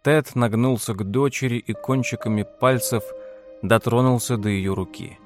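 Low-voiced man reading a novel. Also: moderate pace, a little mellow, faint music behind. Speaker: audiobook narrator. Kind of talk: scripted narration.

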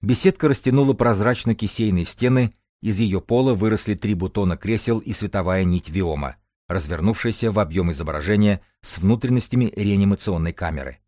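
A man narrating an audiobook in a measured storytelling manner. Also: fairly low pitch, darkish tone, dry recording, clean studio sound. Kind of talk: scripted narration.

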